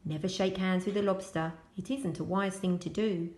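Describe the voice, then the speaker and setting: A woman reading a children's picture book aloud as a school storyteller, expressive and addressing young children. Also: medium pitch, moderate pace, echoey room.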